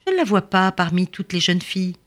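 A woman doing a high, eager young prince. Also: big pitch swings, brisk. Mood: charming. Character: charming young prince, eager and sweet-talking.

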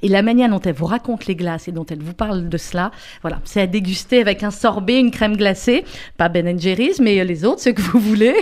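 A woman, a radio columnist, giving a talkative, lively book recommendation on the air. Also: medium pitch, a little fast. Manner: lively, talkative, animated storytelling.

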